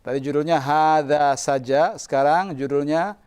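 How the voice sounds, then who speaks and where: A man with an Indonesian accent teaching Arabic in a live lesson, drawing out model phrases slowly for students to repeat. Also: on the high side, a little mellow, clean tone. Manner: slow, drawn-out model pronunciation of Arabic phrases.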